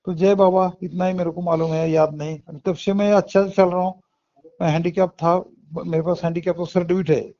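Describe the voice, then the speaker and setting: A man's voice: high-pitched, little pitch movement, brisk, warm tone. A middle-aged man with a Marathi-influenced Hindi accent, earnestly telling a personal spiritual testimony with frequent restarts. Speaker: devotee sharing a testimony. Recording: dull lo-fi recording.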